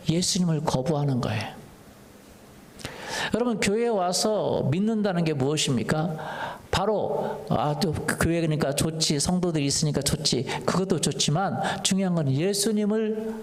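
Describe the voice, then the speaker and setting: A man preaching a Sunday sermon as pastor, often putting questions to his congregation and telling a personal story in a conversational way. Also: high voice. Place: church sanctuary. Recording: echoey church hall reverb.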